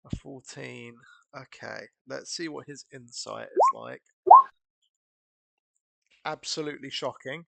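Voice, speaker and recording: Slow, gravelly male game master. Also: medium pitch, fairly bright tone, dry recording, poor audio. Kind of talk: narrating a tabletop game.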